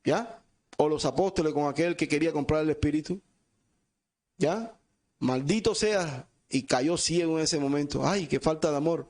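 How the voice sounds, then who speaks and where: A man's voice: fairly high pitch, fairly even intonation, normal speed, darkish tone. A man from Cuba preaching a sermon with passion and emphasis, often acting out the voices of those he quotes.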